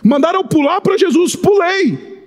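A Brazilian man preaching with a very high voice that carries a long reverb. He is impassioned and builds to shouting on his strongest points. The sound is of a big church hall. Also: lively intonation, unhurried. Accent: Brazilian Portuguese. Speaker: pastor. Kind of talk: sermon.

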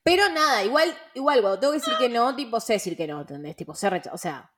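A woman's voice: on the high side, expressive, fast talker, fairly bright tone. Chatty young woman with Rioplatense Spanish. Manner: chatty, full of fillers and slang, laughing asides. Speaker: podcast host. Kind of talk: casual chat.

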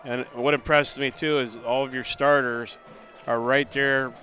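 A man giving casual color commentary on a high school football broadcast, often agreeing with short yeahs. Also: level tone, measured pace, sharp tone, faint music behind.

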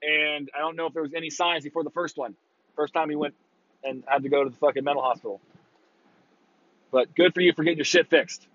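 A man's voice: fairly high pitch, fairly even intonation, fast, long pauses, a bit bright, no room sound, muffled recording. A man with a worn, burnt-out voice giving a casual, profane, blunt rant as a football talk host. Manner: opinionated, breaking into mocking quotes.

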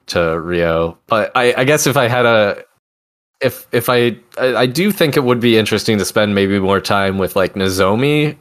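A man with a very deep, smooth, resonant voice co-hosts a casual gaming podcast. He talks hesitantly, often stopping to restart a sentence with "I, I guess" or "if, if I". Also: a bit bright. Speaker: podcast co-host. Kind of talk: casual chat.

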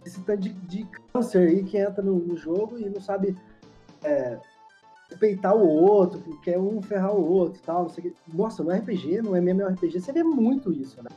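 A man's voice: high voice, a little fast, mellow. A young man with a Brazilian Portuguese accent in casual, slangy chat, often ending on tag questions. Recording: dull lo-fi, music behind.

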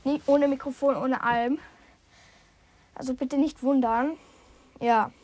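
Chatty high-voiced young woman podcasting. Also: steady tone, a little slow, a little mellow, low-quality recording. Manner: chatty, scattered, self-interrupting, often drops to a whisper. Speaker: podcast host. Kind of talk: casual solo podcast chat. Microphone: phone, no microphone.

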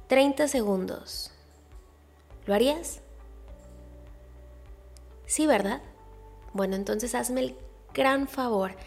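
A woman's voice: on the high side, darkish tone. A woman with a nasal, congested-sounding voice, hosting a podcast in a casual, chatty, direct way. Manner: chatty, informal, emphatic with rhetorical questions. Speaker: podcast host. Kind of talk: casual solo podcast monologue, addressing listeners directly.

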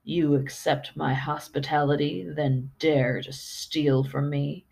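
Woman voicing a slow, deep, menacing beast. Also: flat delivery, creaky, a little mellow, slightly rough, exaggerated voice. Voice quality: deep, growling delivery. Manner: slow, accusing. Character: huge menacing male beast with tusks and fur.

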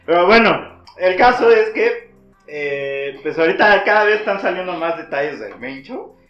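A man's voice: sits high, animated, normal speed. A man with a Mexican accent hosting a podcast, telling news gossip in casual, rambling, slangy talk. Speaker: podcast host. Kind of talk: casual storytelling chat with slang. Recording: muffled, echoey room with music.

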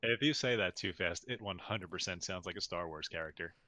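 Man, casual chat, lowish pitch, bright tense tone, dry sound, jokey. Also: fairly quick, no echo. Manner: joking, stammers at starts.

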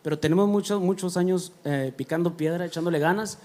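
A man's voice: high voice, fairly quick, darkish tone. A man from the Ciudad Juárez area, a singer guest chatting easily and gratefully in a bar. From Ciudad Juárez area, Mexico. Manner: grateful, easygoing. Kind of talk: casual bar chat.

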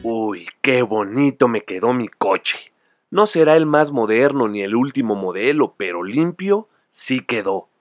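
A man's voice: medium pitch, lively intonation, a little slow, faint music behind. A man with a mid-range voice performs a comic monologue. He brags in slang while poking fun at himself. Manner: boastful, slangy, self-mocking.

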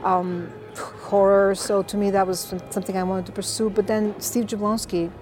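Speaking at a normal speed in a mid-range voice, this Bulgarian game composer answers interview questions casually while soft music plays behind her. She recounts her story passionately and vividly, sprinkling in fillers as she goes.

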